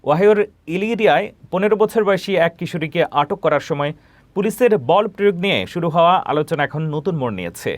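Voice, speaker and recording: Male news presenter, high-pitched and very lively, reading scripted headlines in a dry, close sound. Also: fast talker, dry recording.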